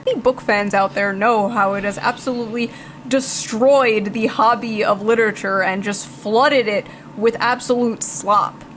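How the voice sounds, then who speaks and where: A woman's voice: fairly high pitch, fairly even intonation, normal speed, slight background noise, poor audio. A woman delivering scripted video commentary in a sarcastic, emphatic manner.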